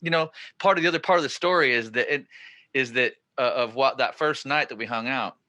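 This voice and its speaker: Bright-voiced man telling a story. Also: medium pitch, brisk. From northern California. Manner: excited, rambling storyteller who gets louder at the punchlines. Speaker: podcast host. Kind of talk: casual storytelling chat.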